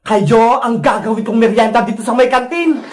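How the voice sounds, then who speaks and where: A woman's voice: on the high side, moderate pace, darkish tone, reverberant, lightly acted. A woman voicing a cruel, gloating female canteen vendor who scolds and threatens children in a cartoon. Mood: scolding. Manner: menacing, gloating with cackles. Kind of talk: cartoon voice acting.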